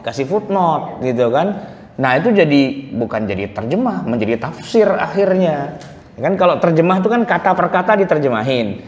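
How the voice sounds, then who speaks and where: Animated preacher in an echoing mosque. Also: male voice, a little high. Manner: conversational and humorous, quotes people in acted voices. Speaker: Islamic preacher. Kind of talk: morning mosque study lecture. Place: large mosque hall. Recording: echoey mosque hall with faint noise.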